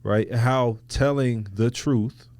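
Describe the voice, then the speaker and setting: A man's voice: mid-range voice, steady tone, slow, a little mellow, dry recording. A man hosting a podcast, talking reflectively in loose, slangy, casual conversation. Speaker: podcast host.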